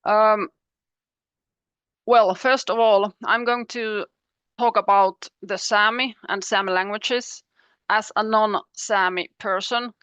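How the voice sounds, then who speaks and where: This is an academic presentation by a Finnish-speaking professor from Finland, appearing as a panelist via video call. Measured and explanatory, she pauses and restarts often; her mid-range voice stays steady, clear and resonant with a slight brightness. There's no echo.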